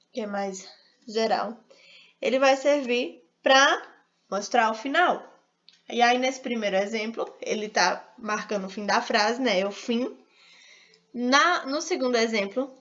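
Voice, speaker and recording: A woman's voice: fairly high pitch, a bit bright. A Brazilian woman teaching an online writing lesson, explaining step by step and often checking with "né?". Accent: Brazilian Portuguese. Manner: explanatory, frequent "né?" and "e aí" fillers. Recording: dull lo-fi online class audio.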